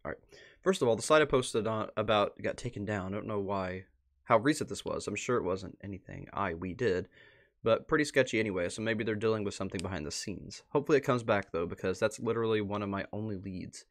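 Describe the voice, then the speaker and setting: This livestream host speaks quickly in a lowish voice, chatting casually as he reads posts aloud at his computer indoors. Every so often he mutters little asides to himself.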